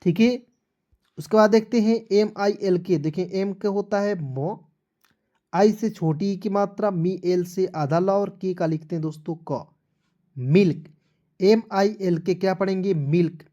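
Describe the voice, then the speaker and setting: A man's voice: high voice, measured pace, warm tone, dull audio. A male teacher giving a spelling lesson, spelling words out letter by letter and often checking that the class has understood. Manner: spells words out letter by letter and keeps asking if it is clear. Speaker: English teacher.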